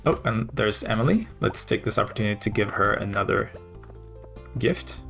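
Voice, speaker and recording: A man's voice: lowish voice, animated, moderate pace, creaky, a bit bright, soft background music. A man casually commenting while playing a video game, rambling and thinking aloud with many fillers. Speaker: gaming video host.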